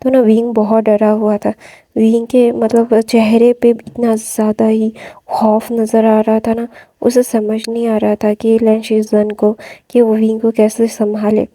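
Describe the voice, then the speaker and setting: Woman storyteller, casual recap, rambling, somewhat high pitch, dry sound. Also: mellow, no room sound. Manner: rambling, fills with repeated filler words.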